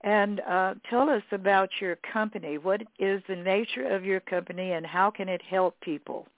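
A woman's voice: medium pitch, steady tone, normal speed, no echo. Female radio host on a tinny, dry phone line; chatty and rambling. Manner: warm, rambling, with fillers. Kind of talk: radio interview.

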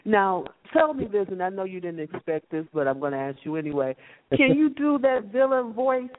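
A man's voice: high-pitched, sing-song, moderate pace. A man hosting a radio interview, coaxing and playful with his guest. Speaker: radio host. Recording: phone-like narrow band.

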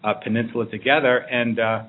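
A man explaining things as an interview guest in a measured way. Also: medium pitch, steady tone. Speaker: interview guest, regional planning director. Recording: narrow muffled phone-like sound with faint noise.

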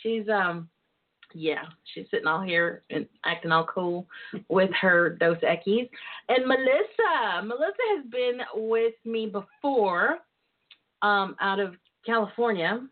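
A woman's voice: medium pitch, expressive, takes it slowly. Campy, sassy woman host, phone-like sound. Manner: campy, sassy, bawdy, chatty. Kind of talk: casual solo radio chat. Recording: tinny phone line sound.

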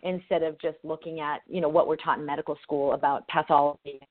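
A woman's voice: sits low, level tone, quick pace, no echo. A woman physician talking earnestly as a guest in an interview, heard over a call whose audio keeps breaking up. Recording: tinny dry call line, breaking up.

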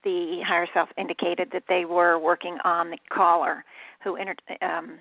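A woman radio host calls in by phone, her lowish, gravelly voice coming through a tinny, dry line without echo. She talks at a moderate pace with flat delivery, rambling chattily through a casual monologue and frequently correcting herself.

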